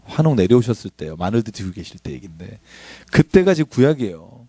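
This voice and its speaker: A man's voice: on the low side, a little fast, breathy edge, dry recording. A middle-aged male pastor giving a conversational sermon, joking as he teaches. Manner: conversational, animated, joking asides.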